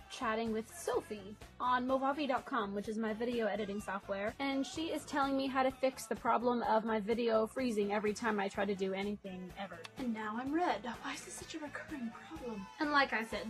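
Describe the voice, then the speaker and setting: Young woman, casual vlog narration, high voice, bright tone, self-mocking, chatty. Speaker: student director narrating her show.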